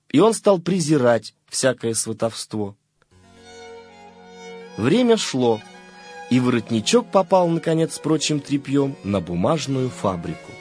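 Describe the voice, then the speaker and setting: A man reading a fairy tale aloud as narrator, in an expressive storybook manner. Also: medium pitch, husky, no room sound.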